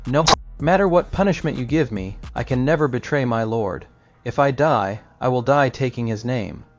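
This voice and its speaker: A man voicing a pious old man who stays calm and firm in his faith, read storybook-style. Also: medium pitch, normal speed, close to an everyday voice. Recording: slightly dull recording with soft music.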